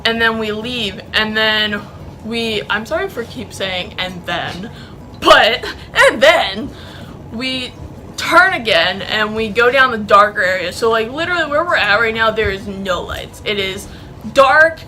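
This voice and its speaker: A woman's voice: a little high, expressive, moderate pace, bright, forceful tone, a little hiss or hum, low-quality recording. A young woman telling a story in casual vlog style, rambling and profane, with many fillers. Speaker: vlogger.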